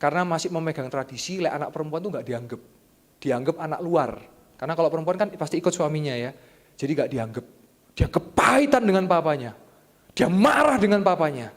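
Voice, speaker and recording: A young man with an East Javanese accent preaching a sermon as pastor, animated and joking, jumping to loud high exclamations. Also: fairly quick. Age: young adult. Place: church hall. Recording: long church-hall reverb.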